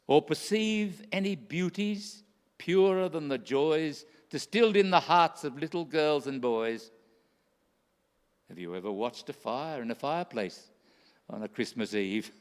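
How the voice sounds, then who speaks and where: A man playing a kindly, earnest Santa Claus in a rhymed radio play, speaking in an emphatic, declamatory style. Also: mid-range voice. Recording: echoey hall with long reverb.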